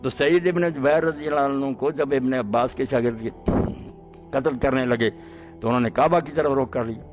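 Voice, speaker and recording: A man preaching a sermon, impassioned and swinging between quiet and loud delivery. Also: medium pitch, faint music behind.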